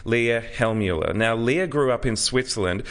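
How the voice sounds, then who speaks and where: A man's voice: medium pitch, moderate pace. A man hosting a podcast, giving polished, upbeat introductions and asking questions. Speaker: podcast host.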